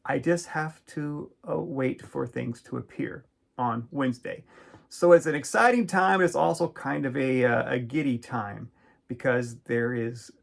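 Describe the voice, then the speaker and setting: A middle-aged man, an author, talking casually and unscripted to camera, earnest and measured, with many fillers and halting restarts. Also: mid-range voice, vocal fry.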